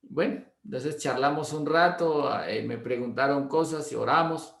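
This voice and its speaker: A man's voice: on the high side, normal speed, creaky, a bit bright. A pastor teaching a class through a long anecdote, acting out the dialogue and often repeating his words. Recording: roomy echo.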